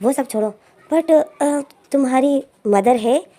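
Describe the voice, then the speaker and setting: A woman's voice: high-pitched, slow, warm tone. A woman voicing a cheerful, nosy young female student who asks chirpy, teasing questions.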